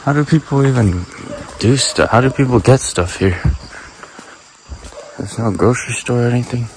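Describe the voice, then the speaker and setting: A man's voice: mid-range voice, moderate pace. A young man in his twenties talks casually and thinks aloud while vlogging on a handheld camera outdoors in a rural village, swearing now and then. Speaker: travel vlogger. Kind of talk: casual vlog narration. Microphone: handheld camera held close. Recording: outdoor camera audio with insect noise. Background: crickets and insects.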